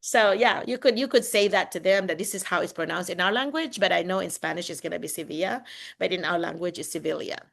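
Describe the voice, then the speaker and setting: A woman's voice: fairly low pitch, quick pace, gravelly. Chatty Filipino woman on a video call. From Philippines. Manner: chatty, laughs often, animated storytelling. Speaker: teacher and session leader. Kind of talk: casual video call chat.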